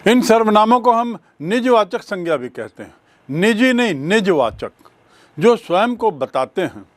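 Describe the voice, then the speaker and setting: A man teaching a bilingual grammar lecture, speaking deliberately and repeating and spelling out key terms. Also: sits high, dry recording.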